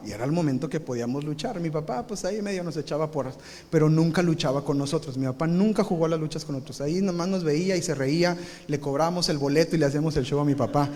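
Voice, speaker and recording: A male pastor preaching live in a big church, telling a lively story and punctuating it with shouted sound effects. His voice sits high for a man and carries a long hall reverb. It sounds like a recorded church service. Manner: animated, acts out scenes with shouted sound effects. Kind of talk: sermon with comic storytelling.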